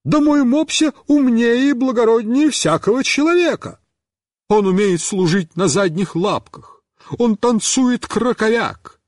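A man voicing a fussy middle-aged woman neighbor with a shrill, squealing voice, huffing and boiling over with indignation. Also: measured pace, no echo, clean studio sound. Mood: indignant.

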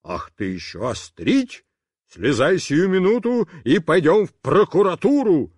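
A man voicing a burly potbellied grown man who shouts angry accusations, in a storybook reading. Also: a little high, sing-song, unhurried, husky, dry recording, full character voice. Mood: angry shouting.

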